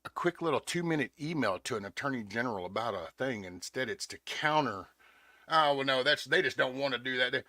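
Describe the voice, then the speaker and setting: A man's voice: fairly low pitch, fairly bright tone, dry recording, clean studio sound. A man hosting a podcast in casual chat, rambling with stammered restarts and acting out what others said. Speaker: podcast host. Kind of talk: casual talk-show chat.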